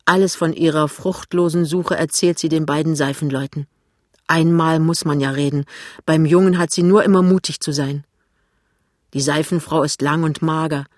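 An audiobook narrator reading a novel aloud with lively, dramatic phrasing on a close mic. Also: medium pitch, moderate pace, no echo.

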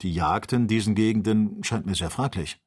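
A man's voice: fairly low pitch, moderate pace, darkish tone, breathy edge. A man voicing a blunt, practical male hunter in an audiobook, with a plain, matter-of-fact delivery. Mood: doubtful. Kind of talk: audiobook character voice.

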